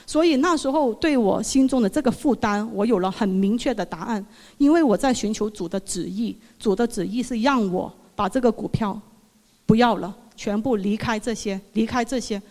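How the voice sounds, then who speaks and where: A woman giving an emotional religious testimony, earnest and halting, often repeating her words. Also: fairly high pitch, a little mellow. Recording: long reverb of a hall.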